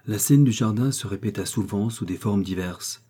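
A man narrates a novel in a measured, steady audiobook reading. His voice is fairly low, dark and mellow in tone, with a husky edge. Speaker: audiobook reader.

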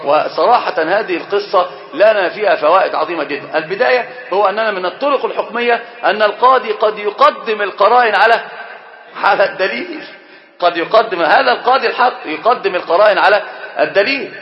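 A man with a high voice teaches a religious text quickly and with energy. The recording is roomy and dull, like an older lo-fi lecture tape. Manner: animated, acts out quoted speech. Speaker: sheikh teaching a book. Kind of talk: Islamic lecture.

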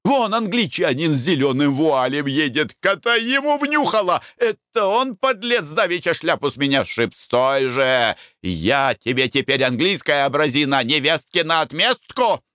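A man puts on a boisterous, loud-mouthed merchant of the old days for this storybook reading, his voice pushed up high and bright as he hollers and curses. The sound is close and dry, with no room around it. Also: animated, unhurried, no echo. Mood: rowdy shouting. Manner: shouting, boisterous, cursing. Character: rowdy coarse middle-aged male merchant.

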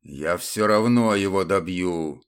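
A relentless undead templar, as a male audiobook reader puts him on, with a hoarse, sepulchral voice sitting low in the chest. He stretches his words out very slowly, each one heavy with threat. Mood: menacing. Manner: slow, menacing, drawn-out delivery. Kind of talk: audiobook character voice.

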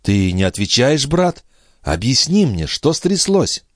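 A man reading a frantic young noblewoman and grieving mother in an audiobook, pleading and then rising to shrill commands. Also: very animated, slow, dry recording, studio quality.

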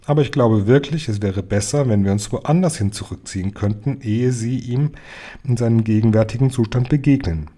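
A man doing a firm calm old grandmother. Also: medium pitch, moderate pace, natural voice. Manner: composed, patient.

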